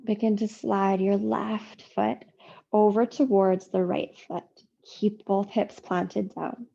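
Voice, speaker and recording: Soft-spoken gravelly woman guiding yoga. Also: mid-range voice, fairly even intonation, lo-fi sound. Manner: slow, soothing, drawn-out phrasing with long pauses. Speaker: yoga teacher. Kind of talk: slow guided yoga meditation.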